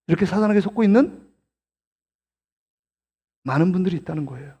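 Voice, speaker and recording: A middle-aged male pastor preaches to his congregation, pressing them with earnest questions. His voice sits very high for a man. The sanctuary gives the sound a long, ringing reverb. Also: fairly quick, husky. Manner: acts out quoted dialogue in a lively voice. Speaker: senior pastor. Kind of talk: sermon. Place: church sanctuary. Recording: long hall reverb of a church.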